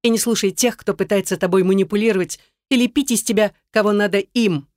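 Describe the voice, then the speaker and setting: A woman reading an audiobook voices a pushy, scornful young woman who bosses and mocks her friend, raising her voice higher for the part. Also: fairly even intonation, fairly quick, a little mellow, dry recording, clean studio sound, lightly acted. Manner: bossy, mocking, then coaxing.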